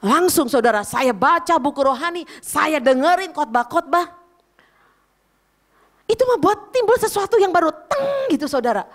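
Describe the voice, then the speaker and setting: A woman pastor preaching a sermon in an animated, conversational way, often turning to her listeners directly. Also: high-pitched, moderate pace. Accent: Indonesian.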